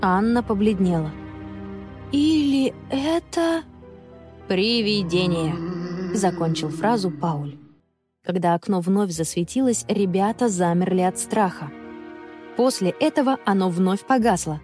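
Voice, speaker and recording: A woman narrating a children's story aloud in an expressive, storytelling manner. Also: fairly low pitch, normal speed, soft background music. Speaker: audiobook narrator.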